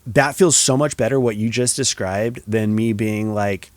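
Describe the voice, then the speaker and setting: A male podcast host thinks out loud, reflective and soft-spoken, and fills his talk with casual fillers. His voice sits fairly low. The sound is dry and close, with no room sound. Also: measured pace, dry recording.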